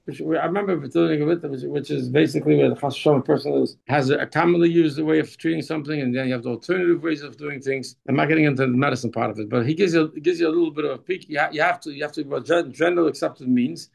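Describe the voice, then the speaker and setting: A man teaching a religious text class. He often repeats and restarts his words, and he reads passages slowly before translating them. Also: fairly high pitch, creaky, low-quality recording.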